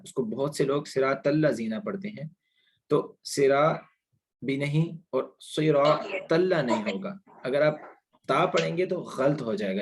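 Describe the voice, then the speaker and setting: A man teaches Quran pronunciation in an online class, patiently explaining letter sounds and repeating them slowly so students can copy. His voice is mid-range and slightly rough, captured as an online class recording.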